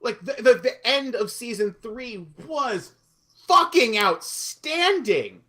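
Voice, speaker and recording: A man co-hosting a podcast in casual chat, animated and swearing, often laughing. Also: extremely high pitch, unhurried. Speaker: podcast co-host.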